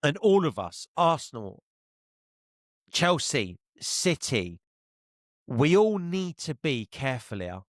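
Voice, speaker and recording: A man's voice: fairly high pitch, big pitch swings, no room sound, clean studio sound. Blunt man hosting football chat. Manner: blunt, opinionated, quick to laugh. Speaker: podcast host.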